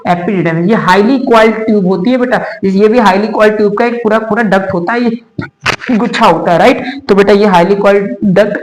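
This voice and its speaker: A young man teaching a biology lesson to exam students, repeating key terms and asking questions that he answers himself. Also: high-pitched. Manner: repetitive, coaxing, asks questions and answers them himself. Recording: echoey room.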